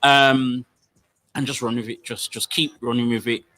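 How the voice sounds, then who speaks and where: A man's voice: medium pitch, little pitch movement, moderate pace, pushed and bright, low-quality recording. A man co-hosting a casual podcast chat, who affirms often and repeats his phrases. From Jamaican heritage. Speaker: podcast co-host.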